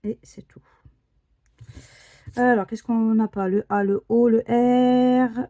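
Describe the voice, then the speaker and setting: A woman scratching lottery tickets on camera, commenting slowly and often dropping to a whisper. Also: on the high side, fairly even intonation, dark tone. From France. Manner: slow, murmuring, often drops to a whisper. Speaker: scratch card vlogger. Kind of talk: casual scratch card commentary.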